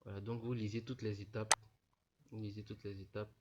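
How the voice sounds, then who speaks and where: With background noise behind him, a young man with a cold talks students through an online registration step by step in a dull lo-fi voice-over. His low-leaning voice is flat at a normal pace, and he speaks informally, repeating himself often and saying "voilà" a lot.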